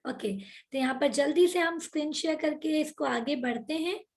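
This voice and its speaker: High-voiced energetic woman leading a workshop. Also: normal speed. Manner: energetic, coaxing, mixes English into Hindi. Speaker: online workshop host. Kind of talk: motivational group session on video call. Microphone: video call.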